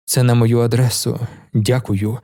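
Man voicing a bitter young poet, low muffled rough voice, gravelly, dark, audiobook. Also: flat delivery, unhurried, no echo, clean studio sound, lightly acted. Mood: spiteful.

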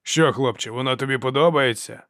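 A man reading an audiobook voices a coarse male slave guard who haggles and mocks in a loud, jeering way. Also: mid-range voice, fairly quick, no echo, studio quality, close to an everyday voice. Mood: jeering, haggling.

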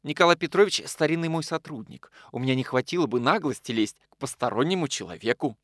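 A fawning newspaper editor coaxes and sweet-talks in a wheedling voice, as a man reading a novel puts him on. The lines rise and fall in a lively way. The sound is dry and close. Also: on the high side, fast, dry recording, lightly acted. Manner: wheedling, ingratiating. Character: fawning, scheming middle-aged male newspaper editor.

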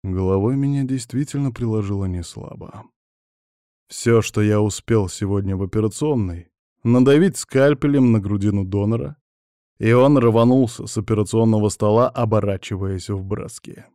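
A man narrating an audiobook in the first person, with steady, even storytelling. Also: on the low side, moderate pace, clear, resonant tone, dry recording, studio quality.

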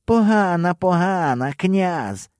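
Man performing a male shaman, whining, broken grammar, high voice, slow, swooping. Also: expressive, darkish tone, no echo, studio quality. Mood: plaintive. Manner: broken grammar, plaintive wail.

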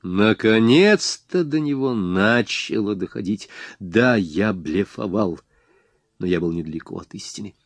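A man reads a first-person crime novel aloud in a low voice. His reading is expressive, and he gives the hero's lines sharp, raised outbursts. The recording is close and dry. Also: unhurried, no echo. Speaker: audiobook narrator.

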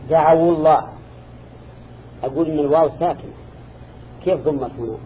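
A man teaching a classroom lecture, speaking in a measured way and quizzing his students with short questions as he goes. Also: on the high side, a little hiss or hum. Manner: measured, quizzes listeners with repeated "ha?" and "na'am". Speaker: teacher of Quran interpretation. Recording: dull lo-fi recording.

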